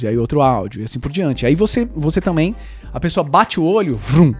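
Male host, a touch high-pitched, emphatic casual advice with rhetorical questions. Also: darkish tone. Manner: emphatic, with rhetorical questions and playful sound effects.

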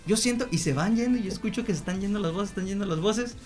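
A man's voice: high-pitched, rapid-fire, darkish tone. Slangy young Mexican man telling a story. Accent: Mexican Spanish. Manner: laid-back, slangy, often laughing, acts out quoted voices. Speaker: podcast co-host. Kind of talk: casual storytelling chat.

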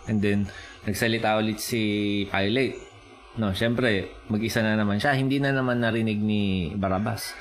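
A man preaching a sermon in mixed Filipino and English, explaining slowly and often checking in with his listeners. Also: on the low side, fairly even intonation. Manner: Taglish preaching, slow and explanatory, rising with emphasis.

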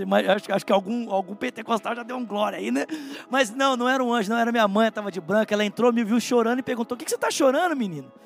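A man's voice: high voice, fairly even intonation, fast, vocal fry, soft background music. A man with a Brazilian Portuguese accent preaching a sermon, telling his own testimony in an earnest, heartfelt way and speaking straight to the listener. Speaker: pastor.

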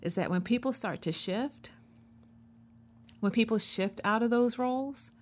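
A therapist in her fifties hosts a show, talking through ideas alone in a reflective, conversational and earnest way, with frequent asides. Her voice is fairly high-pitched and her pace measured.

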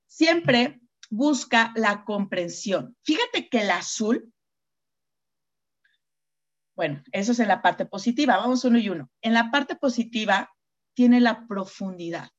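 A woman with a Mexican accent giving a mentoring talk, expressive and repeating words for emphasis. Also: a little high, measured pace, lo-fi sound.

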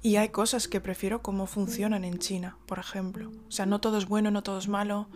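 A woman's voice: mid-range voice, flat delivery, brisk, a little mellow, slight background noise. A woman from Spain, telling a personal story in a casual, rambling way with many fillers and restarts.

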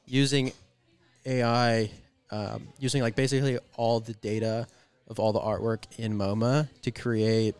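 A man's voice: mid-range voice, little pitch movement, measured pace, darkish tone, clean tone. A man hosting a podcast, talking casually and rambling with many fillers and restarts. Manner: rambling, heavy use of "like" and fillers. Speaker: podcast host. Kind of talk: casual conversation.

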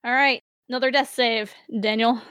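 A woman running a tabletop fantasy game as game master, narrating scenes in a measured, dramatic way. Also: on the high side, fairly even intonation, fairly bright tone, smooth, no echo, clean studio sound.

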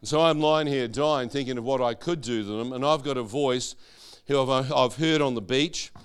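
A man's voice: mid-range voice, moderate pace, smooth. A man preaching a sermon testimony, telling his story and quizzing the audience with questions.

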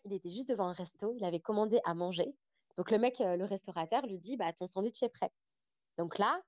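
Appearing as a podcast guest, a young woman tells a travel story in a casual storytelling interview, chatty and animated, her loose flow full of small hesitations and frequent fillers. Her pitch is an ordinary middle, and the sound is dry and close with no room echo.

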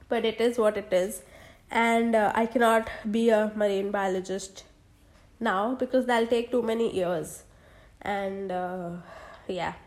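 Young woman, solo podcast host, casual rambling, lots of fillers, slightly high voice. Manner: rambling, many fillers and restarts.

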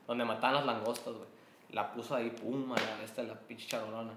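A man's voice: mid-range voice, flat delivery, brisk, roomy sound, noisy background. A man with a Mexican Spanish accent, a guest telling a story in a casual chat over beers, slangy and laughing often. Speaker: guest entrepreneur.

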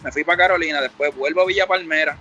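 A man's voice: on the high side, fast talker, bright, forceful tone, lo-fi sound, soft background music. A middle-aged man with a Puerto Rican Spanish accent, a rapper telling his story in a casual interview, rambling and reflective, acting out the dialogue he quotes. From Puerto Rico.

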